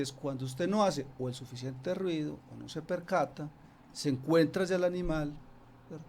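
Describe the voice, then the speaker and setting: Guy on a radio show, kinda high voice, rambles and restarts, faint hiss behind. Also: a little mellow. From Antioquia, Colombia. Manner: conversational, many restarts and fillers. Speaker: snake expert guest. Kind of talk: radio interview, explaining. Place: radio studio.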